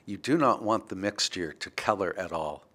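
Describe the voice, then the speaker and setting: An older American man with a low voice hosts a home cooking show from his kitchen, speaking at normal speed into a lapel mic. He walks through each step calmly and precisely, with gentle encouragement.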